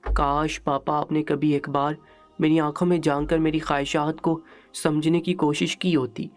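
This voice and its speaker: A man's voice: fairly high pitch, flat delivery, faint music behind, natural voice. A man voicing a hurt, tearful young daughter in a storybook reading, with a pained, pleading delivery.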